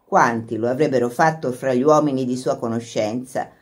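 A woman reading a literary short story aloud as narrator, in an expressive storytelling manner. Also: a bass voice, normal speed. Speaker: audiobook narrator.

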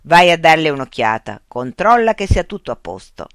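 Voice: medium pitch, sing-song, moderate pace, a bit bright, no echo, studio quality. A reader playing a stern, demanding father. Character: stern, irritable father in a fairy tale. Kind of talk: audiobook character reading.

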